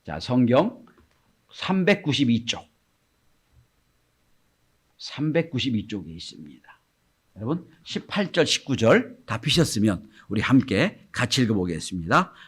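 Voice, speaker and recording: A middle-aged male pastor preaching a Sunday sermon, reading scripture slowly, then swinging from loud exclamations to hushed, whispered quotes. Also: mid-range voice, sing-song, breathy edge. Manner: reads scripture slowly and deliberately.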